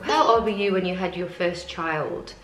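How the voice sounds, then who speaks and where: A woman's voice: fairly low pitch, moderate pace. A woman, reading viewer questions aloud in a casual vlog and answering each one plainly. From Australia. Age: 40s. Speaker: family vlogger. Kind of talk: casual Q&A to camera. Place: family home with children nearby. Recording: echoey room, faint music behind.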